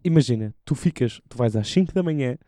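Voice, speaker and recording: A man's voice: mid-range voice, expressive, a little fast, mellow, no room sound, studio quality. A man co-hosting a podcast, bantering casually and arguing with plenty of swearing. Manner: argumentative, sweary. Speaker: podcast co-host. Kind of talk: casual banter among friends.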